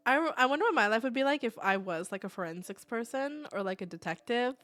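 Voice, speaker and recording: A woman streaming a story game, joking and reacting in an animated way and swearing freely. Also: on the high side, quick pace, no echo. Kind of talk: casual live-stream commentary.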